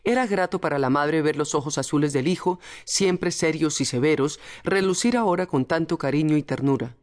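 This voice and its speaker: A woman reading a novel aloud as audiobook narrator in a measured, dramatic manner. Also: deep voice, darkish tone. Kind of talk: scripted narration.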